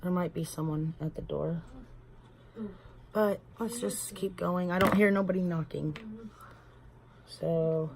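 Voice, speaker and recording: Her voice is fairly low, slow, and gravelly, with frequent pauses and a noisy background. A Texan woman in her thirties who vlogs about beauty, she rambles chattily through a makeup tutorial at home and calls her audience y'all.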